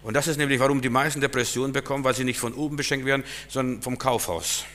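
Bright-voiced preacher in an echoing hall. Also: male voice, medium pitch, fairly even intonation, fast talker. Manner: emphatic, swings between loud and quiet. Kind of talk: sermon.

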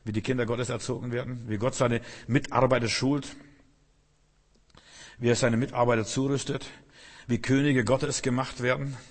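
A man preaching an impassioned sermon, building repeated phrases and swinging between loud rallying and hushed moments. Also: mid-range voice, level tone, normal speed, pauses often. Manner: impassioned, rising and falling emphasis, repetitive cadence. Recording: long hall reverb.

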